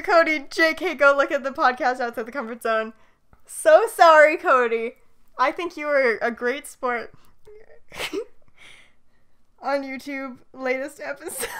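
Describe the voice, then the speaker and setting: A giggly woman trading crude jokes with her co-host, her voice sitting high and sounding bright and crisp. She chats casually and swears freely. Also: expressive, unhurried. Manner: giggly, profane banter. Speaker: podcast co-host. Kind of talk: casual chat.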